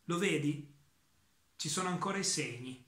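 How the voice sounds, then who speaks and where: Man reading a story in an echoey room. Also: on the high side. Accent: Italian. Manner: calm, measured storytelling with slow pauses. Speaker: reader of a short story. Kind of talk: literary reading aloud.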